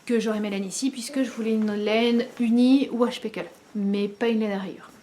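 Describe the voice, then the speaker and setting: A woman hosts a knitting video from her home, talking in a relaxed, halting way full of fillers and pauses. Her voice sits a little high. A faint hiss runs underneath. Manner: hesitant, many pauses and fillers. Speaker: knitting podcast host. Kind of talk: casual chat to camera.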